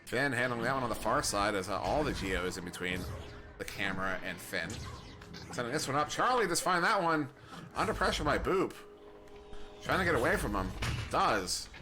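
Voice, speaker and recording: A man's voice: medium pitch, very animated, moderate pace, over music. A young American man doing casual play-by-play commentary on an esports match, rambling and self-deprecating, often chuckling. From United States. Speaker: esports caster.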